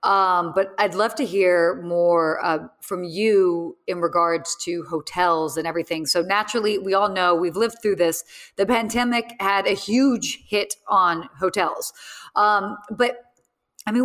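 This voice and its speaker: A woman hosts a podcast interview with a mid-range voice. She asks her questions in a friendly, chatty way, with easy fillers like "you know.". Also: medium pitch. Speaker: podcast host.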